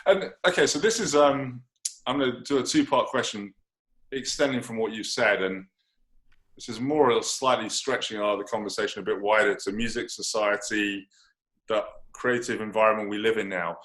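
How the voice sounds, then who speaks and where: A man's voice: fairly low pitch, normal speed, a bit bright. A man with a British accent hosting a radio interview, asking long, searching questions full of asides. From United Kingdom.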